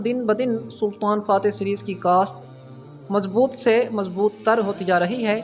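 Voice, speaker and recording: A man hosting a drama review channel, speaking in a formal commentary style and often addressing his viewers directly with a raised, emphatic voice. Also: high-pitched. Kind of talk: scripted-sounding video commentary.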